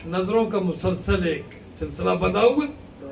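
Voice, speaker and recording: A male cleric giving an impassioned mourning sermon, telling the story with rising, shouted lament. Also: high-pitched, vocal fry, far from the mic. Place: large mosque hall. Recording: echoey hall recording from afar, faint hiss.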